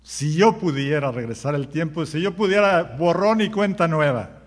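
A man's voice: on the high side, expressive, moderate pace, long reverb tail. A man preaching a sermon as pastor, firing rhetorical questions at the congregation and acting out common sayings. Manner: acts out everyday sayings in quoted voices.

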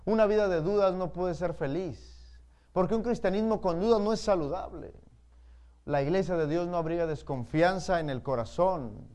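A man's voice: high voice, moderate pace, dark tone. A male pastor preaching a sermon, telling stories and speaking emphatically to his congregation. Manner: storytelling, emphatic, addresses the congregation directly.

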